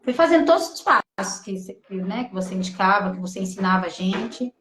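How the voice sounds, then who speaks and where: A woman from gives an emotional personal testimony, halting and full of restarts as she quotes her own thoughts. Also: mid-range voice, lively intonation, noisy background. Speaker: testimony guest. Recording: echoey room.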